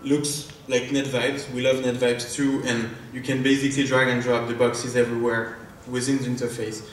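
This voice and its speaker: This French startup founder, a man from France, demos his product live on stage in a large conference hall, hesitant and full of fillers and restarts. His medium-pitched voice barely moves and keeps a moderate pace. The echoey hall is captured from far off with faint noise.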